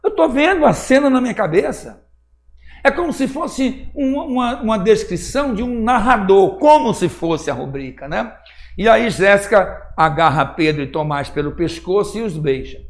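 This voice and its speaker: A man's voice: sits high, lively intonation, normal speed. A man teaching a class, reading a play aloud and explaining it, checking often that listeners follow, with a Pernambuco Brazilian accent. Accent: Pernambuco Brazilian Portuguese.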